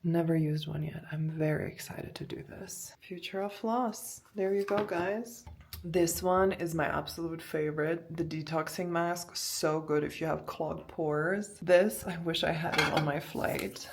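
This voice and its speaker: A woman chatting casually in a beauty vlog, gushing and excitable, often dropping to a whisper and a bit out of breath, recorded in a hotel room. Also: sits low, a little slow, slight background noise. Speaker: beauty vlogger.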